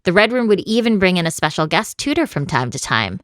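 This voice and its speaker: A woman's voice: on the low side, big pitch swings, a little fast, a bit bright, a little hiss or hum. A woman co-hosting a scripted podcast, narrating with a playful, teasing manner. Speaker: podcast co-host.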